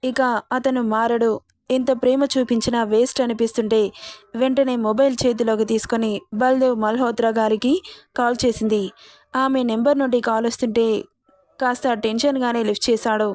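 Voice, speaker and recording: A woman's voice: on the high side, brisk, no room sound. Woman narrating a dramatic story. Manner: steady, dramatic reading. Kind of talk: scripted narration of an audio romance story.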